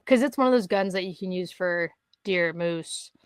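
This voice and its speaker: Co-hosting a podcast, this woman from Canada spins an animated hunting yarn in relaxed conversation, cursing and voicing the other people in it. She speaks at a normal speed in a lowish voice.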